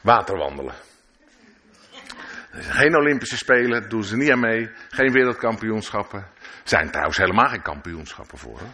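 Lively, bright-voiced male preacher. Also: on the low side, normal speed. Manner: conversational, with asides and questions to the listeners. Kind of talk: sermon with bible reading.

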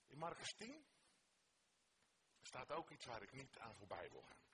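A male preacher giving a sermon in a church, expressive, moving between hushed words and emphatic exclamations. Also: medium pitch, a little slow. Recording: noticeable background noise.

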